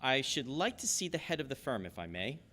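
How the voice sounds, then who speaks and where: Courteous male charity collector, radio drama: formal, earnest, animated pitch, bright tone. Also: fairly quick. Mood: polite, genial. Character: polite, earnest gentleman collecting charity for the poor. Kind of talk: old-time radio drama acting.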